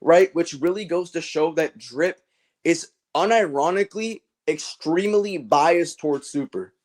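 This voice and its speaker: Man, standard American accent, slightly high voice, casual livestream commentary, blunt, slangy, sweary. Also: measured pace, a little mellow. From California, United States. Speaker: livestreamer answering viewer questions.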